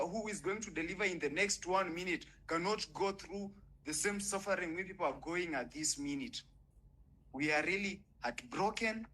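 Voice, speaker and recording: In an online audio room, a young adult man with a Kenyan accent calls in to deliver a fiery, indignant speech, swearing as he goes. His voice is high-pitched, bright and forceful, and the audio quality is poor.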